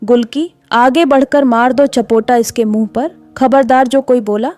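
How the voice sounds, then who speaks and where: A woman's voice: a little high, steady tone, measured pace, darkish tone, natural voice. A woman voicing a fierce, protective village woman who gives commands in a thundering voice. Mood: commanding.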